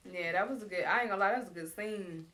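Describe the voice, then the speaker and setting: A woman hosting a casual recap show, telling the story in an animated, frank way and acting out what people said. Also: mid-range voice, fast. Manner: animated storyteller, acts out quotes; frank, talks straight to viewers. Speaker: show host recapping a reality series.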